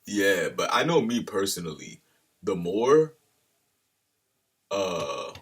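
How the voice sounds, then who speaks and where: A man's voice: low voice, very animated, takes it slowly, breathy edge, far from the mic. A man talking casually to the camera in a loose, slangy monologue that drifts off on tangents. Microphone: camera held at a distance.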